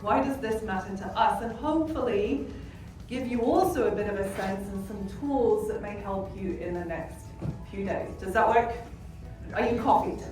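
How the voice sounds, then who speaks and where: A woman's voice: medium pitch, moderate pace. A British woman giving a conference talk with chatty asides to the audience. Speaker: conference speaker. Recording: echoey hall, distant mic. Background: music bed.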